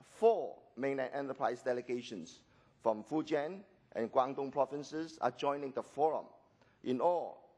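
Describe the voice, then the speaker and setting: A man from Hong Kong, losing his voice, gives a formal welcome speech as an executive director, measured and pausing with occasional "uh"s. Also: medium pitch, husky. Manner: measured, with frequent pauses and filler "uh"s.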